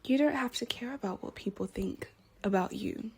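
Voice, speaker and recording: A young woman talking to camera in a casual personal monologue, excitable and giggly, now and then dropping into soft whispers. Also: fairly high pitch, normal speed, breathy edge. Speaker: vlogger.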